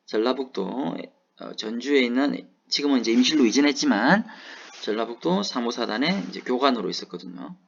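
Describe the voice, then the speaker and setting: Gravelly man with a Gyeongsang accent. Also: mid-range voice, expressive, brisk, dull audio. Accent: Gyeongsang Korean. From Gyeongsang region, South Korea. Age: 40s. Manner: asks rhetorical questions and answers them himself. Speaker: lecturer. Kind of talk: lecture.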